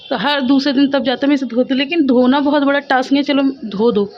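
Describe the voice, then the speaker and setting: A woman's voice: high voice, steady tone, fairly quick, muffled recording. A middle-aged woman from India chatting casually and animatedly to her viewers in a home vlog. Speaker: vlogger. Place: at home, indoors.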